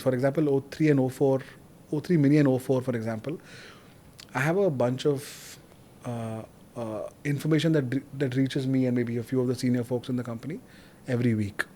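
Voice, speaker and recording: A man hosting a podcast, telling stories in an animated, casual way. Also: medium pitch. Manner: animated storyteller, quick bursts of detail. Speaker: podcast host. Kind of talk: casual interview chat.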